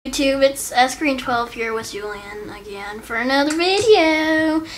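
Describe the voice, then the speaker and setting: Excitable high-voiced woman reacting to videos. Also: a little slow, slight background noise, rough recording. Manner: excitable, giggly and playful. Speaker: YouTube host. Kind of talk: casual reaction video chat.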